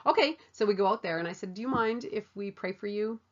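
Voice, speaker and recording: A woman's voice: medium pitch, fast talker, highs cut off. A woman sharing a personal testimony about a mission trip, telling it in a casual, earnest way with lots of fillers and acted-out quotes. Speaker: mission trip volunteer sharing her story.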